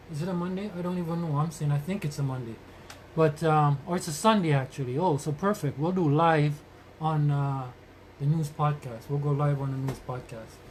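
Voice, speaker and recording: A man's voice: on the high side, fairly quick, darkish tone. A man hosting a casual live podcast in Rasta-style speech, greeting his community with blessings and repeating phrases for emphasis. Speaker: podcast host. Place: moving around while live streaming, away from the mic. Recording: noisy, distant live-stream sound.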